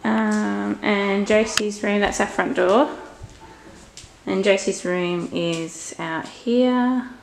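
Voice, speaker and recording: Chatting casually to the camera in her house, a young Australian woman in her twenties vlogs hesitantly, stopping and starting with a slight stutter. Her medium-pitched voice holds a steady tone, drawing out words, and echoes in the room. Clear background noise is captured by the home camera audio.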